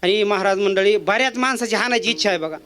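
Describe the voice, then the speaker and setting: High bright voiced guy doing a funny kirtan story, teasing the crowd. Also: quick pace. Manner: playful, jokey, acts out voices. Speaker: kirtan preacher. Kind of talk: devotional storytelling sermon.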